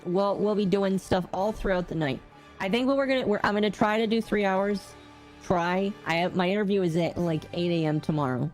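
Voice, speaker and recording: A woman's voice: fairly low pitch, a little mellow. Woman talking through a voice changer. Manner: chatty, rambling, self-correcting. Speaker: game streamer. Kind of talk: casual live-stream chat.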